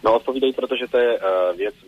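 A man's voice: mid-range voice, slightly rough, phone-quality sound. A man speaking as a telecom regulator in a news interview, explaining at length with many hesitations and fillers.

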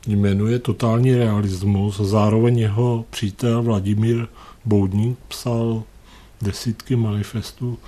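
A man speaking as an expert guest on a radio culture show, explaining calmly and steadily. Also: mid-range voice.

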